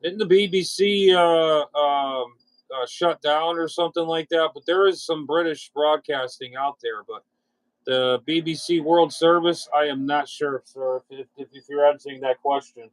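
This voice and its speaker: A man's voice: on the high side, moderate pace, dry recording, rough recording. A man chatting casually with viewers in an irreverent, rambling way. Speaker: livestreamer monitoring shortwave radio.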